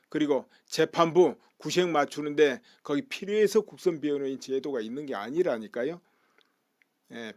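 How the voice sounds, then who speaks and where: A man's voice: on the high side, a little mellow, no room sound, clean studio sound. A man giving a news commentary monologue, explaining step by step and posing rhetorical questions. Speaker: political commentator.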